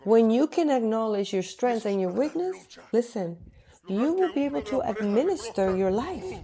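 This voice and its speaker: A woman's voice: a little high, lively intonation, normal speed, warm tone. A woman delivering a sermon in an emphatic style, repeating her key phrases for weight.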